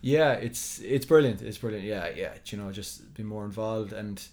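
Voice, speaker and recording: A man's voice: fairly low pitch, moderate pace, a little mellow. A man speaking casually as a goalkeeper guest in a sports podcast interview.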